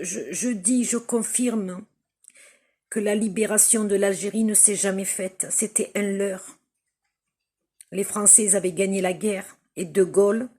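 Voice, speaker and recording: A woman from Algeria speaks straight to her viewers in an impassioned appeal. Her voice is husky and a little breathy, and her pace is very slow and deliberate. She hammers her points home by repeating them. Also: medium pitch, darkish tone. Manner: slow, emphatic, repeats phrases for stress. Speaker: vlogger addressing viewers. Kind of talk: impassioned spoken appeal to camera.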